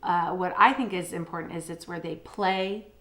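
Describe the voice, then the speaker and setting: A woman's voice: lowish voice, normal speed, a bit bright, a little hiss or hum. A woman co-hosting a casual podcast, chatting and reading short quotes aloud with fillers and restarts. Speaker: podcast co-host.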